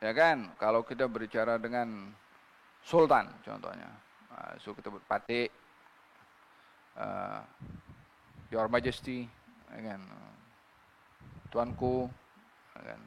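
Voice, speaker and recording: A man's voice: fairly low pitch, big pitch swings, slow pace, gravelly, pauses often, in a large hall, a little hiss or hum. A man preaching a religious sermon, reciting scripture in Arabic and asking his listeners rhetorical questions.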